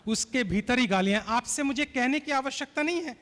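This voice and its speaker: A man's voice: very high-pitched, fairly quick, fairly bright tone. A male keynote speaker telling anecdotes and urging the audience to respond. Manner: storytelling, prompts the audience to respond. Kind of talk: motivational speech. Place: convention hall. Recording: hall reverb.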